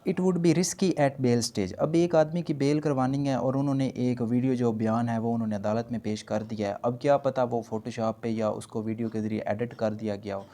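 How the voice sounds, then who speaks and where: Speaking at a normal speed with few pauses and fairly even intonation, a Pakistani-accented man delivers a law lecture in a dark, mid-range voice. He carefully reads out points and talks through them conversationally, with noticeable noise in the background.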